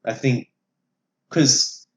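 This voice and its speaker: An opinionated podcast host chats casually about films, swearing freely. His voice is a bit bright and very slow, and the room is echoey, with audible background noise.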